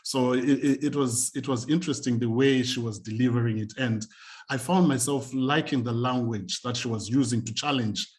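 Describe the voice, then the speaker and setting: A man's voice: medium pitch, normal speed. Man from Zimbabwe telling his story. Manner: conversational, reflective storytelling. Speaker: community and youth work practitioner. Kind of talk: panel talk, personal story.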